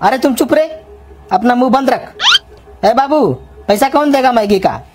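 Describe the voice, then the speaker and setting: A woman voicing a bald, self-important male street food vendor who scolds and threatens loudly in a comedy cartoon. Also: high-pitched, lively intonation, measured pace. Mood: angry. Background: music.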